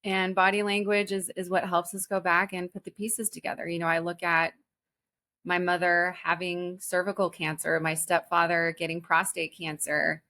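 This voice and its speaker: A woman in her forties speaks as a podcast guest, telling her own story. She talks earnestly and haltingly, restarting her sentences often. Her voice sits a little low for a woman. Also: flat delivery, bright, forceful tone. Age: 40s. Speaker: guest, spiritual teacher. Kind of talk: personal story in a podcast interview.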